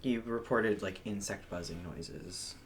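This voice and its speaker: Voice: low voice, a little slow. A facilitator casually debriefing a group, prompting and affirming the others in an informal way. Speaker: session facilitator and note-taker. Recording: noisy room with ambience.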